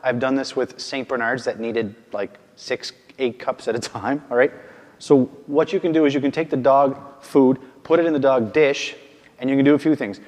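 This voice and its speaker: A man's voice: medium pitch, fairly even intonation, moderate pace, a little mellow, big-room sound. A male dog trainer giving a casual instructional demonstration, often checking in with "okay?" and "right?", and calling out firm short commands to his dog.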